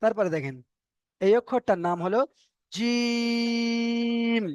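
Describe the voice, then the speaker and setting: A man's voice: sits high, fairly quick, no room sound. A man teaching Arabic letter reading in a patient, explanatory way, with a Bengali accent, repeating letter names and stretching sounds to demonstrate. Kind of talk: explanatory online lesson.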